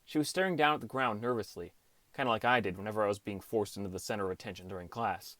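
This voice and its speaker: This is a man with a fairly low, fairly bright voice talking at a quick pace, recorded dry and sounding close to how he'd normally speak. He acts as a downcast teenage boy reflectively narrating his gaming adventure in an understated, wry first-person audiobook manner, with music behind him.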